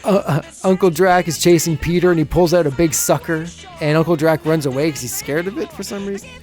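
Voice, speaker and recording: A man's voice: a little high, quick pace, darkish tone, soft background music. A man co-hosting a podcast, recapping an episode in a casual, chatty way and often chuckling as he goes. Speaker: podcast co-host.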